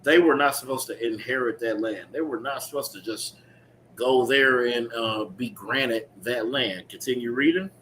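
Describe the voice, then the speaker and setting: In a street-preaching style sermon with call-and-response reading, a man leads a scripture teaching, explaining the text emphatically, repeating phrases, and checking in with his audience. His mid-range voice is fairly bright at normal speed, and ambient background sound makes the recording clearly noisy.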